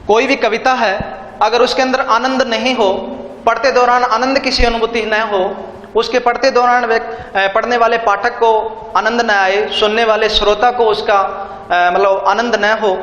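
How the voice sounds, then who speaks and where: A man teaching an online literature lesson, explaining slowly and repeating key terms with synonyms. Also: extremely high pitch, fairly even intonation, a bit bright. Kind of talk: online Hindi literature lecture. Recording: echoey room, dull lo-fi sound.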